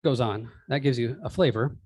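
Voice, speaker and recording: A man's voice: mid-range voice, normal speed, a little mellow, husky, no echo, studio quality. A man preaching in a conversational sermon style, in a wry, exasperated, ranting manner. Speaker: pastor preaching. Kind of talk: sermon, conversational with read-out article.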